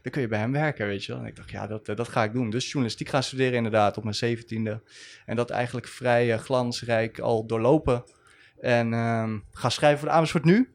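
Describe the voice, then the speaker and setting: Gravelly young Dutch journalist guest. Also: male voice, mid-range voice, fairly quick. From Netherlands. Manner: relaxed storytelling with slang. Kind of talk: casual podcast chat.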